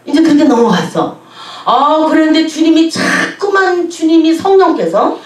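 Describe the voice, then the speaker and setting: A woman's voice: sits high, normal speed. A middle-aged woman pastor preaching in a chatty storytelling way, often laughing as she talks. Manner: lively, chatty, laughs while telling stories. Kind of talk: sermon with storytelling. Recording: echoey hall from a distance.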